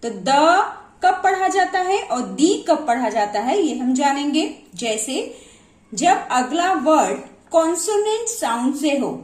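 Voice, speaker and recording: High-pitched woman teaching slowly. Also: big pitch swings, a little mellow. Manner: asks and answers her own questions; mixes Hindi and English words. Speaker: English teacher. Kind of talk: slow explanatory lesson. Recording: echoey room.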